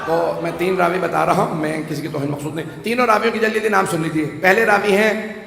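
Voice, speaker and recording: A man preaching a rhetorical sermon to a gathering, rising to shouts and making joking asides. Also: high voice, fairly even intonation, vocal fry, a loud crowd, very noisy. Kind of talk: Urdu majlis sermon. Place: large hall with audience. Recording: echoey hall, faint ambience.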